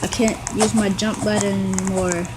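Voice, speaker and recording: A woman giving chatty, excitable gameplay commentary, trash-talking other players as she goes. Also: mid-range voice, moderate pace, heavy background noise. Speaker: gamer.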